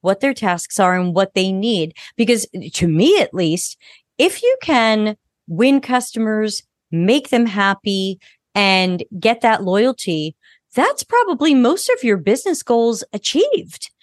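A woman's voice: mid-range voice, very animated, slow, no echo, studio quality. A woman speaking as a guest expert in a podcast interview, frank and a little sarcastic.

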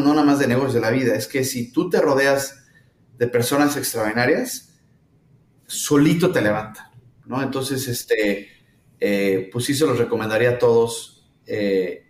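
A middle-aged man from Mexico with a Mexican accent, answering interview questions thoughtfully with many pauses and fillers. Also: mid-range voice. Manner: thoughtful, hesitant with frequent fillers. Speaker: startup founder, guest. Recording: roomy echo.

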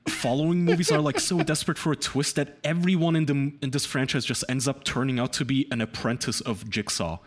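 A man's voice: medium pitch, steady tone, brisk, hardly any pauses. A man giving casual, opinionated film chat in an emphatic, incredulous, sweary way.

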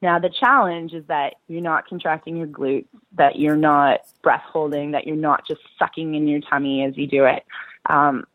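A woman's voice: low voice, steady tone, normal speed, dry recording. A woman therapist explaining pelvic floor care in an interview, her voice coming through a tinny phone line, reassuring and practical with frequent fillers.

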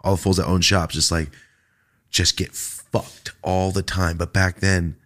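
Laid-back thirties host, lowish voice, casual cussing. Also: male voice, flat delivery, unhurried, a bit bright. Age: 30s. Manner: easygoing, swears freely. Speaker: podcast host. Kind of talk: casual podcast chat.

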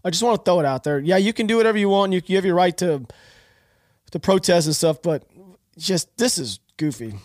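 This podcast host has a high, expressive, somewhat dark-toned voice and talks a little fast, nasal and stuffed up from allergies. He rambles through the news with strong opinions and frequent restarts in casual political commentary. The studio-quality recording has no room sound.

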